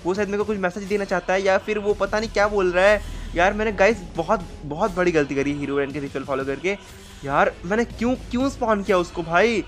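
A man's voice: sits high, fast, soft background music. A young man hosting a gaming channel, giving jumpy Let's Play commentary and playing up his fear with sudden outbursts.

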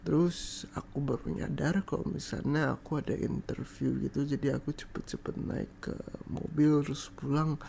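A man's voice: on the high side, steady tone, moderate pace, vocal fry, dark tone, slight background noise. A young man in an ASMR boyfriend role-play, pleading and apologizing in a coaxing way and slipping English phrases into his speech.

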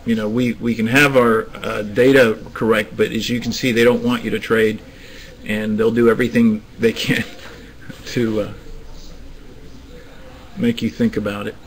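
A man's voice: lowish voice, little pitch movement, measured pace, pauses often, rough recording. A man hosting a live forex trading room, talking traders through the market with many restarts and hesitations. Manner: hesitant, restarts, coaxing the screen. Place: trading room, screen recording.

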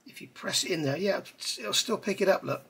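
Filmed from above at his hobby workbench indoors, a middle-aged man walks through a scale model build. His voice is high and fairly quick, with vocal fry and a breathy edge, and he rambles in a relaxed, chatty way as his hands stay busy.

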